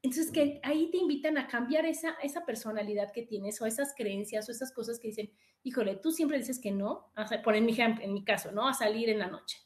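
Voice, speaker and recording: A woman with a Mexican accent hosting a podcast in casual chat, animated and often acting out what people say, with frequent tag questions. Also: fairly high pitch, brisk. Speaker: podcast host.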